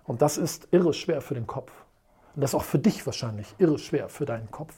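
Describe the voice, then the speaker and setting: Motivational coach, emphatic, repeats questions, dramatic storyteller, husky, warm tone. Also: mid-range voice, moderate pace. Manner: tells stories in a lively, dramatic way. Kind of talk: motivational video lesson at a whiteboard.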